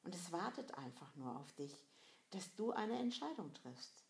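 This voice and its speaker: A woman with a fairly low voice speaks straight to the listener in a motivational monologue. She asks reflective questions in a loose, conversational way with plenty of fillers, and her voice rings in a roomy space. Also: big pitch swings, measured pace, vocal fry. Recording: roomy echo.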